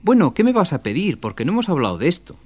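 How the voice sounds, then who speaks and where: A man's voice: fairly high pitch, very animated, a little mellow, slightly rough, voice pushed up. A man voicing a sly little dwarf in a folktale, drawn out and coaxing. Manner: slow, coaxing, then gleeful.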